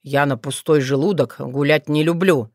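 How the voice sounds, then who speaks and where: A weary, grumbling young man from a storybook, played by a woman narrator. He mutters low and slowly with a resigned air. The recording is dry and close. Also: no echo, lightly acted.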